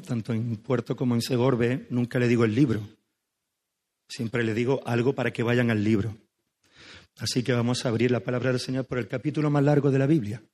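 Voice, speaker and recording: Hoarse man preaching a sermon. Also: mid-range voice, darkish tone. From Spain. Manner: affectionate, joking, conversational preaching. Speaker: guest pastor. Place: church.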